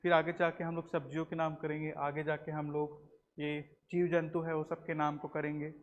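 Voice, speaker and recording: Male teacher, slightly high voice, quizzing the class in a long-echo room on a dull recording. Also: flat delivery, moderate pace, a little hiss or hum. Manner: quizzes the class, repeats answers, says "ठीक है" often. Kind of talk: classroom lecture.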